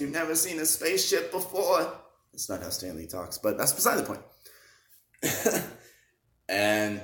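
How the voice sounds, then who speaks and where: A young man casually recapping a movie plot, rambling with fillers and throat-clearing, with sudden excited bursts. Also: on the low side, roomy sound. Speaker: movie reviewer.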